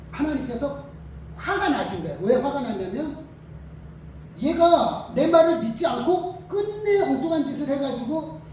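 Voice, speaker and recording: A preacher telling a Bible story in a lively, conversational sermon style, speaking in a church. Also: medium pitch, very echoey, recorded from a distance, slight background noise, rough recording.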